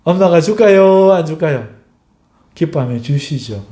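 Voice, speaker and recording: Male pastor, high mellow voice, animated sermon with acted-out dialogue. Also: a little slow. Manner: lively storytelling sermon with acted everyday dialogue.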